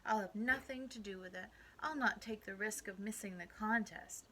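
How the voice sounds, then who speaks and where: Woman doing a selfish loud young man. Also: medium pitch, normal speed, a little hiss or hum, natural voice, rough recording. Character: selfish young man, a scheming harp player.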